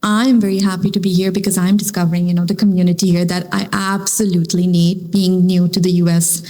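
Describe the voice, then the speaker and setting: A woman in her thirties from Pakistan with a Pakistani accent, a filmmaker guest telling stories in a lively interview, often saying "you know". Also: fairly low pitch, fast talker. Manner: animated storytelling, frequent "you know". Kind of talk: conversational interview.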